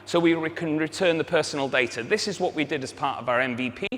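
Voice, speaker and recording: A man's voice: on the high side, quick pace, a bit bright. A man with a North Wales accent giving a live business presentation as a company founder, addressing the audience directly. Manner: rhetorical questions and wry asides to the audience. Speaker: company chief executive and co-founder giving a pitch. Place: indoor hall at a demo day event. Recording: echoey hall, noisy live event.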